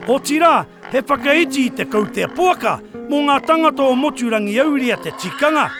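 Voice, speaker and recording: A man's voice: very high-pitched, animated, fairly quick. A man delivering spirited documentary narration. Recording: music under the voice.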